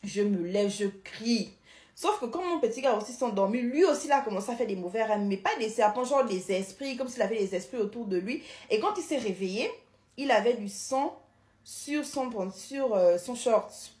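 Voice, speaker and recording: A woman's voice: a little high, expressive, moderate pace, darkish tone. A young woman with a Cameroonian French accent, casually recounting her own experience, repeating words and restarting often. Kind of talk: casual personal testimony. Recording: roomy echoing room sound.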